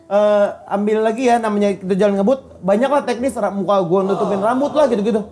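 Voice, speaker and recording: A young woman, an actress telling animated stories in casual chat, laughing and swearing freely. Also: medium pitch, fast talker. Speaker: actress and social media personality.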